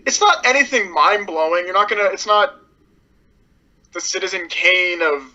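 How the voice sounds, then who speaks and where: A man's voice: high-pitched, moderate pace, sharp tone. A young man co-hosting a podcast, chatting casually in a sarcastic, laughing, profane way. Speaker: podcast co-host. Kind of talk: casual chat. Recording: dull lo-fi sound.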